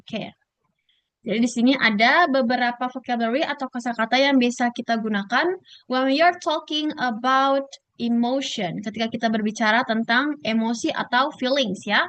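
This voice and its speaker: This is a woman with an Indonesian accent, teaching English online. Her voice sits high, and the sound is close and dry. She switches between English and Indonesian and drills words slowly, one at a time. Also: fairly bright tone, dry recording.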